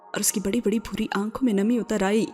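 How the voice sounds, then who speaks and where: A woman reading a serialized novel aloud in steady, measured storytelling. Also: mid-range voice. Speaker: novel reader. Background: faint background music.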